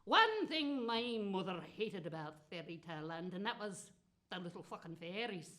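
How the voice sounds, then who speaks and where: Spiteful and aggrieved, this woman voices a gleeful, foul-mouthed witch who cackles theatrically through comic fairy tales in a storytelling monologue. Her mid-range voice is sing-song, bright and forceful, at a normal speed.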